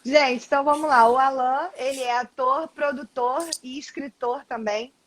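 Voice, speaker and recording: A woman's voice: high-pitched, steady tone, normal speed, a little hiss or hum. A woman hosting a live-stream interview from home over a video call, effusive and laughing often. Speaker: host.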